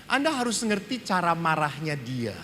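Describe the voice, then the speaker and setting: Male priest, Indonesian accent, storytelling sermon; raised pitch, faint room ambience. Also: moderate pace, a little hiss or hum. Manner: animated storytelling, acts out dialogue. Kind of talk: lively sermon with humor. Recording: reverberant hall, faint ambience.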